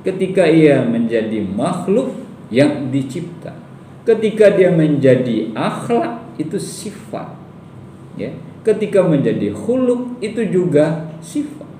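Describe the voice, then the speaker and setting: A male lecturer talking to a class with lively, rising and falling pitch and a mellow, dark tone. He stresses his points and puts questions to his listeners. The voice sounds echoey and picked up from a distance in a lecture hall, with faint noise behind it. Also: takes it slowly. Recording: echoey room from far off.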